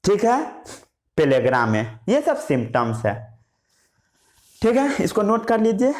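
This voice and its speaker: Speaking at a measured pace, a man with a high voice and huge pitch swings teaches science in Hindi, dropping in English terms. He repeats key words as he writes, answering each question he asks.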